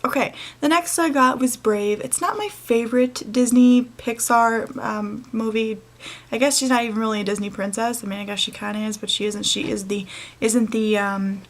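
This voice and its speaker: A young woman talks in a casual vlog, her voice sitting a little high. She rambles on in a chatty way, full of fillers, with the odd swear dropped in. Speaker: vlogger. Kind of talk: casual chat.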